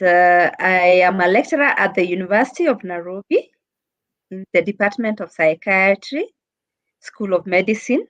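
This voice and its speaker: A Kenyan-accented woman speaks as a guest, introducing herself in a measured, formal way. She talks slowly and with care. Her voice comes through dull, lo-fi call audio. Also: medium pitch, fairly bright tone. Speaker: guest, psychiatric social worker and lecturer. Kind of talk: interview answers.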